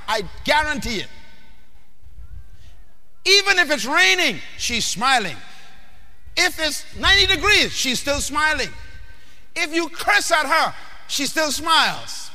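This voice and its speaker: A man from the Bahamas, preaching a sermon emphatically, questioning the crowd and often shouting. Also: very high voice. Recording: long hall reverb.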